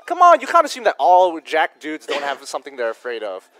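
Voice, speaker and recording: A man's voice: fairly high pitch, huge pitch swings, a little fast, a bit bright, dry recording. A man co-casting a mobile esports match, mixing game analysis with teasing banter. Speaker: esports caster. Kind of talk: casual esports commentary.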